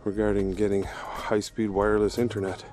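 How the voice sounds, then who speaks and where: Man, low voice, slightly out of breath, relaxed outdoor walk-and-talk narration recorded on camera with music behind. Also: normal speed. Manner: relaxed, observant, easygoing guide. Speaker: vlogger on a woodland walk. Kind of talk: casual walking narration. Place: outdoors in snowy woods.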